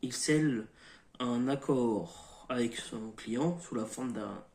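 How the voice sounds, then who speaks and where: A man's voice: medium pitch, slow, a little mellow, husky. Hesitant man explaining a topic. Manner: hesitant, many fillers and self-corrections. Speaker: YouTube channel host. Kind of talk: informal educational talk, partly read.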